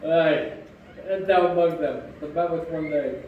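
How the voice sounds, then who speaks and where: A man's voice: a little high, fairly even intonation, measured pace, phone-quality sound, natural voice. A man playing a ragged, half-mad castaway in a live stage play, rambling jittery and calling himself by name. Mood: eager. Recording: echoey hall from far off, faint background noise.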